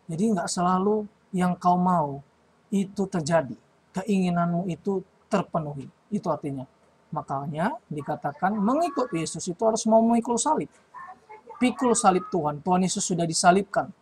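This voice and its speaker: A man's voice: high voice, lively intonation, moderate pace, a little mellow, slight background noise, rough recording. A man giving a sermon to primary schoolchildren at a retreat, asking questions and answering them himself, repeating lines for emphasis. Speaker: children's retreat speaker.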